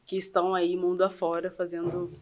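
Lower-voiced Brazilian woman guest. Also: monotone, fairly quick, over a noisy crowd. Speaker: podcast guest, frontend developer. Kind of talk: casual chat.

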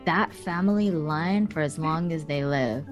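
A woman's voice: sits low, unhurried, faint music behind. A woman chatting casually, joking bluntly and swearing. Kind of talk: casual chat.

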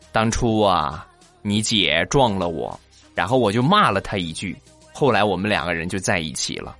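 A man voicing a coy, smug brother-in-law who fancies himself a ladies' man, speaking in a bashful, drawn-out way. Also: mid-range voice, huge pitch swings, fairly bright tone, soft background music, full character voice.

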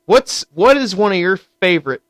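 A man co-hosting a casual sports podcast, animated and steering the conversation, laughing often. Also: high voice, normal speed, no room sound. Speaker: podcast co-host.

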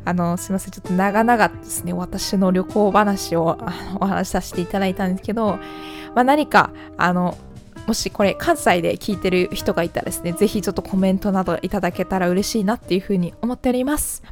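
A woman's voice: medium pitch, quick pace, soft background music. A woman from the Kanto region, chatting politely as the host of her own solo podcast, with many fillers.

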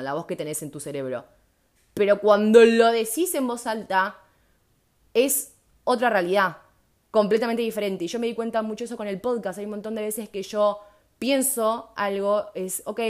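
Earnest Rioplatense woman podcasting solo. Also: mid-range voice. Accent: Rioplatense Spanish. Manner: earnest, conversational, speaks to listeners with rhetorical questions. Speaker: podcast host. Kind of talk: reflective solo podcast talk.

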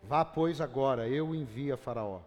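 A man with a Brazilian Portuguese accent preaching a fervent sermon, swinging from hushed tones to shouting and repeatedly calling out questions to the congregation. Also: mid-range voice, normal speed. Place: church hall. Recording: reverberant hall with faint music.

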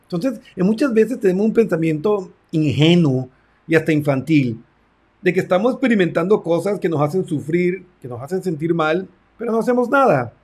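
A man's voice: sits high, lively intonation, normal speed, a little mellow, breathy edge. A man who works as a therapist, giving a reflective talk on self-esteem and acting out conversations with his clients. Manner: reflective, acts out client dialogues.

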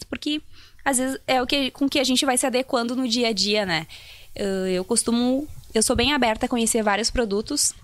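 A woman's voice: on the high side, fairly bright tone, no room sound. A woman, a salon colorist explaining toner choices to viewers in a live Q&A. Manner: explanatory, tutorial-like, addresses viewers.

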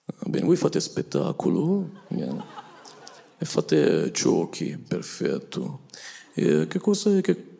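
A man putting on a stern, controlling Russian mother with a Russian accent, speaking slowly in a clipped, gravelly voice. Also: low voice, wildly swooping pitch, mellow, voice pushed down, exaggerated voice. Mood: cold.

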